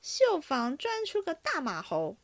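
A woman voicing a brash, crude young rich man at a drinking game, talking loud and blustering. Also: high-pitched, huge pitch swings, unhurried, no room sound, voice pushed up, heavily acted.

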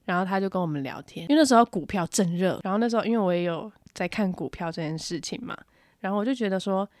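A woman co-hosting a podcast, telling a story in casual chat, acting out her own panic in high squeals. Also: lively intonation, quick pace, darkish tone, dry recording, clean studio sound. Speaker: podcast co-host.

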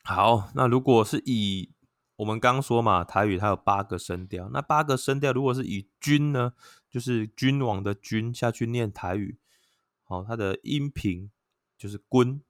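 A man's voice: mid-range voice, normal speed, fairly bright tone, no echo, studio quality. A man with a Taiwanese Mandarin accent who gives a casual, chatty explanation, filling his talk with "oh" and chanting sounds aloud as examples. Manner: chatty, sprinkles "oh" fillers, chants tones aloud. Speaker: vlogger.

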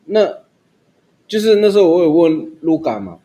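Joking man, somewhat high. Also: sing-song, normal speed, warm tone. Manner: joking, easily laughing. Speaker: podcast host. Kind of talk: casual chat.

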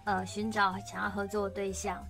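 Chatty and giggly, a young woman co-hosts a relaxed conversation about her radio drama, in which she also does voice acting, and she laughs frequently. Her medium-pitched voice is gravelly and level, her delivery brisk, and music plays behind her.

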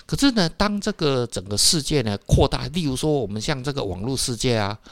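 A man's voice: mid-range voice, expressive, a little fast, gravelly, a bit bright, no room sound. A man with a Taiwanese Mandarin accent, hosting a casual solo talk for listeners, rambling with filler particles and tag questions. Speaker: podcast host.

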